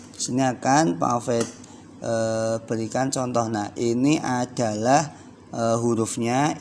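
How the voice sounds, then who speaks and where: A man with a Javanese Indonesian accent gives a recorded lesson to young children, speaking very slowly and patiently. He stretches out the words he recites and counts the class in before they read together. A faint background hiss sits under his voice. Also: mid-range voice. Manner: slow, patient explaining with drawn-out recitation. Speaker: primary school teacher.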